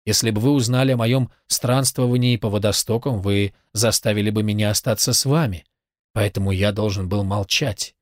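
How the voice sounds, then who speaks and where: A man reading the lines of a gentle, self-effacing old man in a storybook, low and subdued. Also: steady tone, moderate pace, no echo, clean studio sound, natural voice. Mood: quiet, humble.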